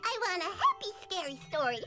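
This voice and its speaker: A podcast host putting on the high-pitched chipmunk voice of a little girl while chatting casually about a film. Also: huge pitch swings, a little fast, over music, exaggerated voice. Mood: whiny. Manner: mocking quoted imitation, jumping far above own pitch. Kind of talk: casual film review chat.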